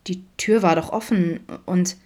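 A woman voicing a cheerful, caring young male camp counselor who speaks softly and hesitantly in a storybook reading. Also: on the low side, measured pace, natural voice. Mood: concerned. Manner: soft and hesitant, concerned.

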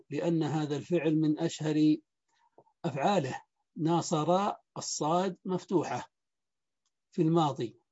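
A man teaching Arabic morphology in a lecture, speaking slowly and deliberately and repeating word patterns. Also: on the high side, warm tone, dull audio. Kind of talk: lecture explaining a grammar book.

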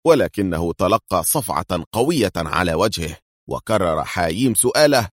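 Male audiobook narrator, low voice, measured reading, dry close sound. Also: expressive, no room sound.

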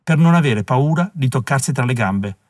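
A man reading an audiobook in a measured, even scripted narration, recorded on a close mic. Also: mid-range voice, dry recording.

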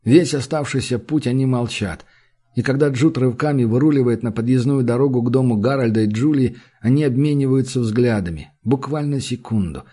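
A man reading a literary novel aloud in a measured, intense manner. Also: mid-range voice, mellow, slightly rough. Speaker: audiobook narrator. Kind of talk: scripted literary narration.

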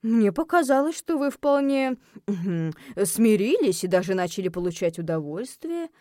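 A woman reading an audiobook, voicing an indignant, pompous male ghost, the heroine's father-in-law, who turns shrill when cornered. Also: sing-song, normal speed, dark tone, dry recording, studio quality, close to an everyday voice. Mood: innocent.

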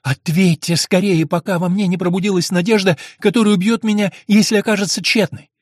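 A man's voice: on the high side, a little fast, a little mellow, slightly rough, dry recording, studio quality. A man voicing a starving, chained woman prisoner who pleads in breathless exclamations. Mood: ecstatic.

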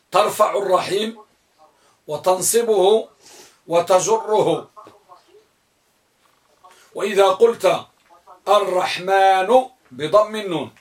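A male teacher gives a grammar lesson to a room of students. His voice sits fairly high, and he fires questions at the class before spelling out the answers. He repeats key words slowly so they can be written down.

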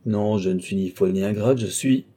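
A man's voice: fairly low pitch, a little fast, dark tone, natural voice. A man voicing a capricious, spoiled young countess, speaking with a petulant, raised voice. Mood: irritated.

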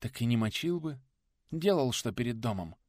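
A man's voice: medium pitch, expressive, moderate pace, a little mellow, dry recording, clean studio sound, natural voice. A man voicing a stubborn, grumpy elderly teacher with curt replies. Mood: grumbling.

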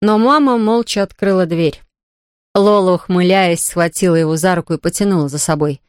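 A woman narrating a children's story in an expressive, steady way. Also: fairly low pitch, moderate pace, smooth, no room sound, studio quality.

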